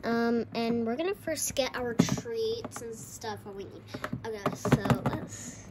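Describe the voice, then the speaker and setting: A woman with a fairly high voice chats informally as she hosts improvised pretend play. Her pace is on the slow side. The handheld home recording is very noisy, with clicks. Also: expressive. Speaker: host of a toy play video. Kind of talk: casual improvised pretend play with toy pets. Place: indoors at home, on a carpeted floor. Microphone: handheld phone camera.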